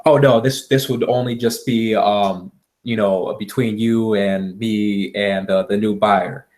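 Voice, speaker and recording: A man with a fairly low voice and a Midwestern accent from Wisconsin makes a conversational sales pitch. He is agreeable and halting, often repeating words as he explains. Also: fairly even intonation, darkish tone. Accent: American Upper Midwest. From Wisconsin, United States. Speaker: real estate seller pitching to a homeowner. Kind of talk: conversational phone sales call.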